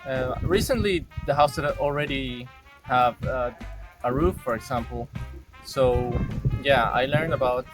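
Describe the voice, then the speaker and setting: A man from Bolivia giving a measured, reflective testimonial as a program participant. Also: medium pitch, music in the background.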